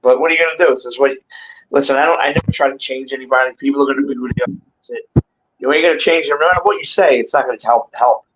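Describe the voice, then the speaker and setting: A man's voice: medium pitch, very fast. A man in his sixties chatting casually and off the cuff, swearing freely and peppering his streetwise talk with bro, dude and man. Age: 60s. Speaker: guest in a livestream chat. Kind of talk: casual unscripted chat. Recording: dull lo-fi stream audio, clear background noise.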